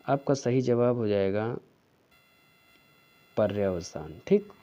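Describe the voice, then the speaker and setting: Male tutor, slow and mellow, drilling correct spellings; lo-fi recording. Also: lowish voice, expressive. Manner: slow, repeats each answer with a checking "theek hai". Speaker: Hindi teacher. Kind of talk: exam-prep spelling lesson.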